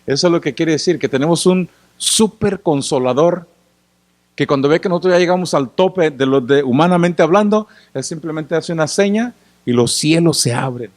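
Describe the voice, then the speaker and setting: A man's voice: fairly high pitch, moderate pace. A tired male pastor preaches a sermon in a conversational way, often asking the congregation questions and acting out little scenes. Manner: acts out little scenes and gestures. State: tired after working in the sun.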